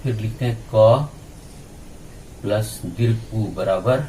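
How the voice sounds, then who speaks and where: A male teacher giving a grammar lesson, spelling out sounds one at a time in a slow, deliberate way. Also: fairly low pitch, mellow, slight background noise, rough recording. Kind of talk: grammar lesson explaining on a board.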